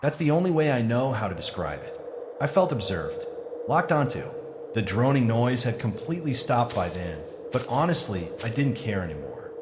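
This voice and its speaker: A man narrates a scripted first-person horror story in a dramatic, suspenseful way with deliberate pauses. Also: mid-range voice, very animated, noisy background.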